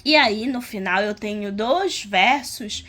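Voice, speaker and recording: A woman's voice: mid-range voice, sharp tone. A woman teaching a lesson on poetic meter, explaining step by step and often checking in with her students. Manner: unhurried, checks in with frequent tag questions. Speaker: literature teacher. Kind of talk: explanatory lesson on poetry metrics.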